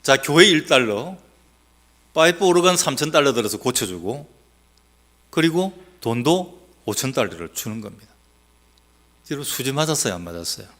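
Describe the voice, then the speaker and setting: A male pastor with a mixed Gyeongsang accent preaching a sermon, teasing the congregation with questions and swinging between loud exhortation and quiet asides. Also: big pitch swings, normal speed, pauses often. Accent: Gyeongsang Korean, mixed. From South Gyeongsang, Korea. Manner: emphatic, rising to loud exhortation, then dropping low.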